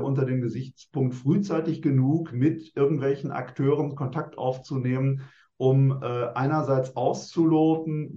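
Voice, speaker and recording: A man in his sixties answering interview questions in a measured, formal, well-structured way. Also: mid-range voice, darkish tone, echoey room, highs cut off. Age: 60s.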